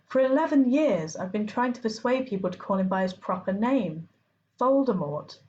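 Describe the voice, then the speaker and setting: A woman voicing a calm, gently amused old male wizard headmaster, in a storybook reading. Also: medium pitch, moderate pace, lo-fi sound, natural voice.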